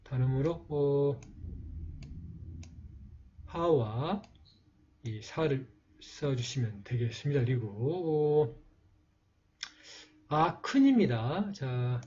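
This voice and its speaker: A man's voice: mid-range voice, animated, mellow, slightly rough, highs cut off. A man teaching a writing lesson, explaining each stroke patiently and stopping often on fillers. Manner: slow, patient, with frequent fillers. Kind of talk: calligraphy lesson narration.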